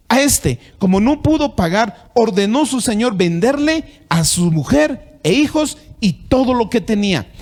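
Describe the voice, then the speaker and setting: A man with a Bolivian Spanish accent preaching a sermon as pastor, reading scripture aloud and repeating words as he searches for phrasing. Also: a little mellow. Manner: preaching with rising emphatic pitch when reading scripture.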